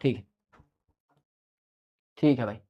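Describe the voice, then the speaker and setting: A man's voice: slow pace, dull audio. A man teaching exam students in a casual advice talk. He is chatty and mixes in English phrases. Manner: chatty, mixes Hindi with English phrases, calls listeners "brother".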